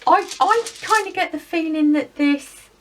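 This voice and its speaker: A woman giving a spiritual pick-a-card rune reading, speaking in a gentle, rambling, heartfelt way. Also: extremely high pitch, a little slow, far from the mic, slight background noise, rough recording.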